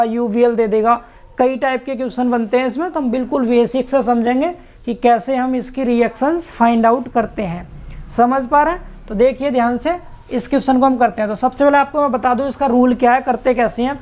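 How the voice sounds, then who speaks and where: A man's voice: extremely high pitch, darkish tone. A man teaching an online lecture, explaining step by step and repeating key terms. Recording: muffled lo-fi recording.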